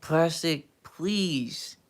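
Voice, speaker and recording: A young man from Texas hosts a casual livestream, answering chat in a laid-back, slangy, teasing way. His voice is on the high side and very slow.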